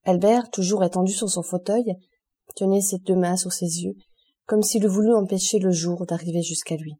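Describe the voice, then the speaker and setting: A woman narrating a classic novel as an audiobook in a steady, measured reading. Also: fairly low pitch, slightly rough. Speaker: audiobook reader.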